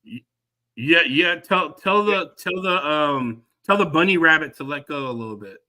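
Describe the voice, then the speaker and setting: A man's voice: a little high, expressive, normal speed, pushed and bright. A man hosting a casual chat with informal, teasing banter. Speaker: show host.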